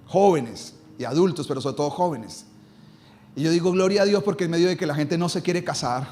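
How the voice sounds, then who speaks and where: A man preaches from the pulpit with a fairly high voice. He talks emphatically and draws out his key lines to drive them home, with a faint room murmur behind him. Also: darkish tone, slight background noise. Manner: emphatic preaching, slowing and rising on key phrases. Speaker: pastor. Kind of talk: sermon.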